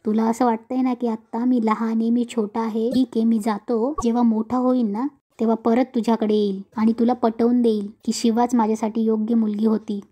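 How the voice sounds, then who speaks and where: A woman's voice: on the high side, little pitch movement, brisk, few pauses, warm tone, husky. A woman voicing a determined young husband who firmly defends his wife. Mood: earnest. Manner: firm, earnest.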